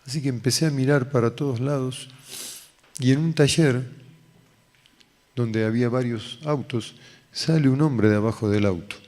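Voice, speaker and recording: A man's voice: mid-range voice, moderate pace, pauses often, darkish tone. Argentine pastor guy telling his story in a sermon, acts out the dialogue, echoey hall. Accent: Argentine Spanish. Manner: storytelling, acting out dialogue with raised voice. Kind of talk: sermon testimony. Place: church hall. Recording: long hall reverb.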